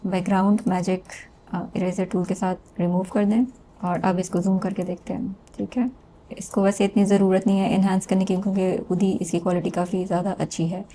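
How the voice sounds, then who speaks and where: A woman calmly explaining a screen-recorded design tutorial step by step, with small hesitations. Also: medium pitch, fairly quick, a little hiss or hum. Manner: calm step-by-step explaining with fillers. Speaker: textile design instructor.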